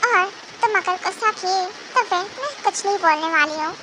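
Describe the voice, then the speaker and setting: A woman's voice: very high voice, moderate pace. Woman playing a young wife, coaxing and bossy. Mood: pleading. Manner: coaxing, bossy, answers back. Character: young wife, pleading and then defiant. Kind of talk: fan audio drama. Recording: noisy home recording.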